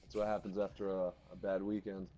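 A man's voice: sits low, level tone, fairly quick, warm tone, a little hiss or hum. A man joining a let's-play as a guest podcaster, chatting in a laid-back way with frequent chuckles. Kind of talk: casual gaming chat.

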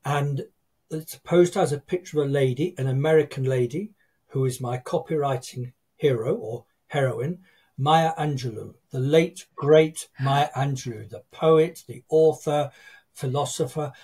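An older man, a guest copywriter telling lively stories on a video call from his home office. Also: medium pitch, normal speed, breathy edge. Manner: lively storytelling, acts out quoted people. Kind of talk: casual interview chat. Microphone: video call webcam.

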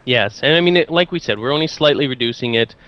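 A man's voice: medium pitch, animated, quick pace, fairly bright tone, dull audio. A man co-hosting a casual channel update over a call, upbeat and rambling with restarts. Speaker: channel co-host. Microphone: remote call audio.

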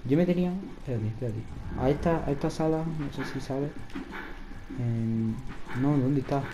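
A man's voice: medium pitch, normal speed, noisy background. A man with a Spain Spanish accent chatting casually and exclaiming while he comments on a video game. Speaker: gameplay commentator. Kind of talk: casual chat over gameplay.

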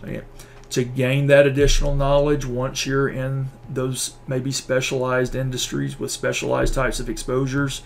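A man giving a recorded university lecture on workplace safety. He talks haltingly, with many fillers and restarts, and he sounds tired and a little out of breath. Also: mid-range voice, completely flat delivery, creaky, slight background noise.

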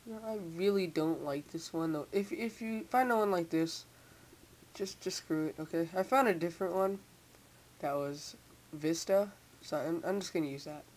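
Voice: mid-range voice, moderate pace, a little mellow. A teenager giving a casual computer tutorial, stumbling and repeating words, with speech slightly hampered by a mouth sore from tightened braces. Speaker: software tutorial maker. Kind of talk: casual unscripted screen tutorial. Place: indoors at a computer. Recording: hissy, noisy home microphone.

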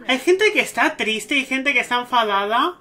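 A man with a Spain Spanish accent giving gushing, excitable let's-play commentary over a life-sim game. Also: extremely high pitch, moderate pace, faint music behind. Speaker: gaming streamer.

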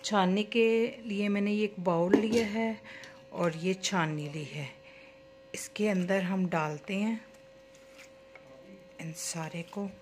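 A woman who owns a beauty salon slowly explains her homemade hair oil, pausing often while she works at the stove in her home kitchen and using small fillers. It's a cooking-style tutorial in a medium-pitched voice, with a noisy background.

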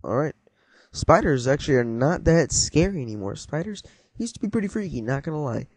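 A teenage boy with a fairly high, husky, sing-song voice talks a little fast, rambling casually through a let's-play as he plays a game. He's easily startled and jokes with his viewers. There's no room sound on the recording.

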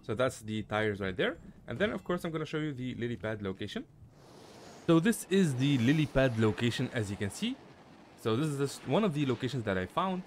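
A man's voice: medium pitch, big pitch swings, brisk, slight background noise. A young man giving a casual, filler-heavy walkthrough of a video game, talking to his viewers. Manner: chatty, lots of fillers, addresses viewers as guys. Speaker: gaming guide creator.

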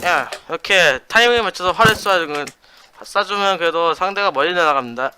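A young man hosting a gaming channel, explaining a block-building PvP match in chatty commentary, adding "yes" after nearly every phrase and shouting during fights. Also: high-pitched, lively intonation, a little fast, noisy background.

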